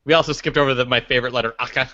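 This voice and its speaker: A man's voice: medium pitch, steady tone, rapid-fire, a crowd in the background. A young man co-hosting a podcast, tossing out teasing wisecracks. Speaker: podcast co-host. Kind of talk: casual podcast banter. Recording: dull lo-fi livestream audio.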